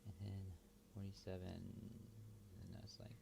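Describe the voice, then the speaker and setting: A man thinking aloud while he works, mumbling and halting as he talks to himself. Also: deep voice, completely flat delivery, gravelly, background noise. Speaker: video host.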